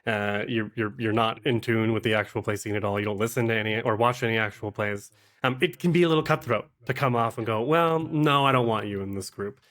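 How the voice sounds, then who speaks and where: A podcast guest who works as an actual play game master and producer chats casually in an interview and gives advice. His lowish, fairly bright voice is brisk, and he sometimes acts out imagined remarks to make a point.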